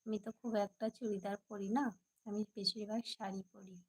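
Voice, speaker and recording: Hoarse woman chatting on a late live stream. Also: mid-range voice, level tone, fairly quick, low-quality recording. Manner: chatty, answers viewer comments. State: hoarse from a cold. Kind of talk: casual live chat with viewers.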